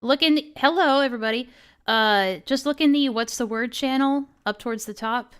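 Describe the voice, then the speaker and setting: A woman hosts a casual livestream in a girlish, high-pitched voice. Her tone is smooth and clear, and she is chatty, talking loosely with friends and swearing as she goes. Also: normal speed, fairly bright tone. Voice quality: youthful, girlish. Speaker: livestream host.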